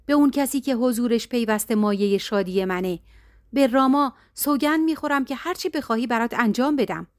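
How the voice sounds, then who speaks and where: Lady reading a soft consoling king, gentle, dry close voice. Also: fairly high pitch, no room sound, lightly acted. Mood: tender consoling. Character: aging loving king, tender and pleading.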